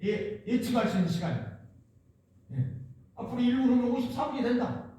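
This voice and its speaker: A man's voice: very high-pitched, very animated, a little fast, warm tone. A man from the Jeolla region preaching a sermon, emphatic and repetitive, with many rhetorical questions. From Jeolla region, Korea. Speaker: pastor. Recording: echoey church hall, distant mic.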